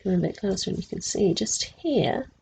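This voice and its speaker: Reading a picture book to children, this resident storyteller pauses for explanatory asides and questions for her young audience. She has a mid-range, dark voice with lively intonation and vocal fry, speaks at normal speed, and there's a little hiss or hum.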